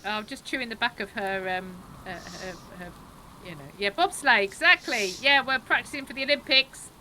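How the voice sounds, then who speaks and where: A woman's voice: fairly high pitch, brisk, sharp tone, slight background noise, low-quality recording. A woman playfully teasing friends and thanking her chat during a casual game stream. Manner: playful, teasing, sings silly bits. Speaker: streamer, co-host.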